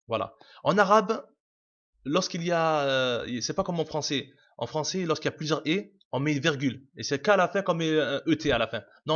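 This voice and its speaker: A man's voice: mid-range voice, a bit bright. A man teaching a casual video lesson, explaining patiently with many fillers, restarts and repeats. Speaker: Arabic teacher. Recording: dull lo-fi home recording.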